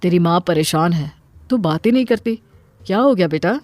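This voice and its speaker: A woman voicing a stern middle-aged father in a cartoon story. He talks in a brisk, blunt, scolding way. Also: fairly low pitch, expressive, a little mellow, no room sound, pitched below the performer's own voice, natural voice. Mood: coaxing. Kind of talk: Hindi cartoon voice acting.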